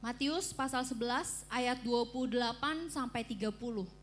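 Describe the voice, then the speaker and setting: A woman preaching at a church service, telling a personal story in an animated way and acting out the screams in it. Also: on the high side, normal speed, slight background noise.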